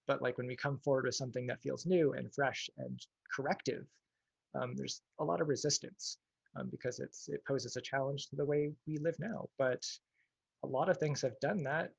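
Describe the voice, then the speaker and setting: A man's voice: medium pitch, moderate pace, vocal fry, breathy edge, no room sound, low-quality recording. A man speaking as an activist guest in a casual livestream interview. He is thoughtful and hedges, with plenty of "like" and "you know".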